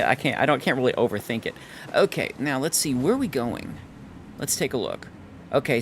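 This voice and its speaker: Hoarse man narrating his gameplay. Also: medium pitch, slight background noise. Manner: thinking aloud, relaxed, self-correcting. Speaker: let's play host. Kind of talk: casual gameplay commentary.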